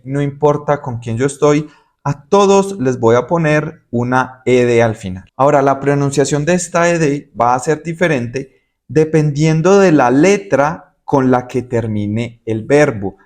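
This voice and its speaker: Slow, patient male English teacher. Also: a little high, darkish tone. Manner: patient, slow, demonstrative explanation with repeated example words. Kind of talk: Spanish-language English lesson.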